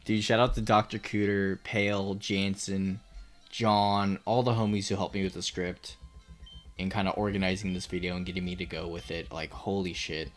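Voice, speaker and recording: Young guy commentating his game, hyped and cussing, kinda low voice, little game music under it. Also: moderate pace. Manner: excitable, swears a lot, laughs often. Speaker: gaming YouTuber. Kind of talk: let's play commentary.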